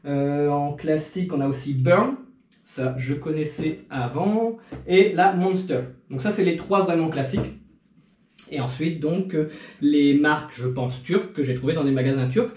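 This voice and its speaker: A man's voice: on the high side, moderate pace, darkish tone. A young man chatting casually to camera in a tasting vlog, rambling with fillers and restarts. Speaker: video creator. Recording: echoey room.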